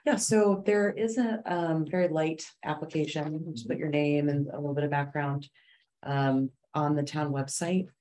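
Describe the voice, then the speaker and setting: A man's voice: a little high, steady tone, moderate pace, a little mellow, poor audio. A man at a committee meeting, practically explaining the application procedure to a newcomer with frequent fillers. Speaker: committee member.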